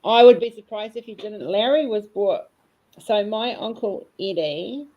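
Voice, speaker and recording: A woman's voice: mid-range voice, unhurried, muffled recording. A woman chatting casually and cheekily while she works on a craft project. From New Zealand. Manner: chatty and cheeky, rambling fondly. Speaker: craft vlogger. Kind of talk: casual chat while diamond painting.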